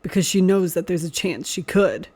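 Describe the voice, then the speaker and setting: A woman voicing a male priest with a low, rumbling, growling voice, soft and restrained. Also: normal speed. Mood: low, tender.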